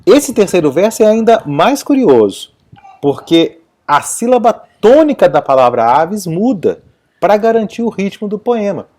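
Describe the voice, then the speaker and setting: A man with a mellow, dark voice teaches a video lesson, walking through it step by step. His pitch rises and falls a lot in a sing-song way, and he speaks a little slowly. He keeps checking that his listeners are following.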